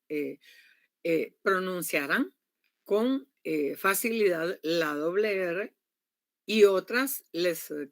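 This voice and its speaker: A woman's voice: fairly low pitch, fairly bright tone, no room sound, studio quality. A woman giving a university lecture, speaking emphatically and often stopping to check that her students are following. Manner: emphatic, keeps asking "¿verdad?" to check understanding. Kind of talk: classroom lecture.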